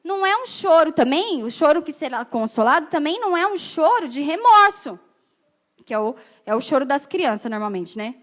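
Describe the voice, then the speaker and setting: A woman's voice: sits high, big pitch swings, normal speed, fairly bright tone. A Brazilian woman pastor preaching a sermon, often asking the congregation questions. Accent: Brazilian Portuguese.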